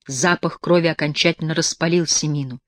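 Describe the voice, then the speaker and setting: A woman narrating a mystic story as an audiobook reader, with intense, hushed dramatic delivery. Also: low-pitched, steady tone, a little fast, no echo, studio quality. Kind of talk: audiobook reading of a mystic tale.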